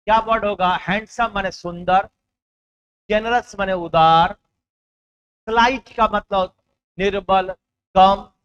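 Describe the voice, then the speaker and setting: High-voiced man teaching vocabulary. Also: fairly bright tone, highs cut off. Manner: explains in Hindi, reads English words slowly, checks in with "है ना?". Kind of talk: exam-prep vocabulary lesson.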